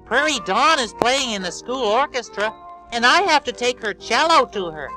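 A man voicing a big, sweet, childlike yellow bird on a read-along record, innocent and wondering aloud. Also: very high voice, lively intonation, normal speed, soft background music, full character voice, rough recording. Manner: innocent, wondering, talks to himself.

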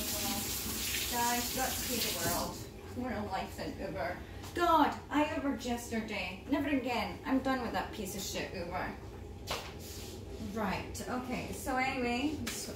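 A woman chatting casually in a cooking vlog in her home kitchen, rambling through asides and talking carefully because of mouth pain. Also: fairly high pitch. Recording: echoey kitchen with background noise.

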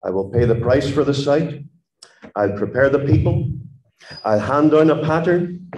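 A man's voice: mid-range voice, measured pace, darkish tone, reverberant, a little hiss or hum, pitched above the performer's own voice, close to an everyday voice, poor audio. A male preacher voicing King David as an earnest, resolute, devoted man.

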